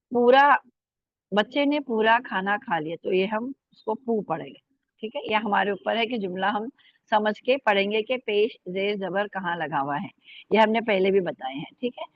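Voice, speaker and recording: A woman with a mid-range voice teaches an online Urdu lesson, and the audio has its highs cut off. She patiently spells out letters and syllables, checking in with her students often and frequently repeating "ठीक है" and "है ना".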